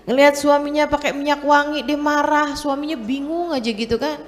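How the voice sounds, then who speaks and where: A woman's voice: sits high, steady tone, brisk, long reverb tail. A woman preacher giving a conversational sermon, repeating words for emphasis and speaking to her listeners as friends. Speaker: Islamic preacher.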